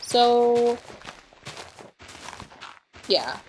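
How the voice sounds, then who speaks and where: A woman casually commenting on her own gameplay, tired and recovering from being sick, rambling and halting as she trails off and restarts her thoughts. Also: a little high, sing-song, darkish tone, slight background noise, poor audio. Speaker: let's play host.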